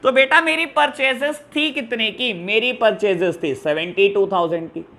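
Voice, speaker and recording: A man's voice: sits high, normal speed, pushed and bright. A man teaching an accounts lesson, talking fondly to his students and mixing with terms. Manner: affectionate, calls students "my dear children". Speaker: commerce teacher. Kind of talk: classroom lesson explaining journal entries.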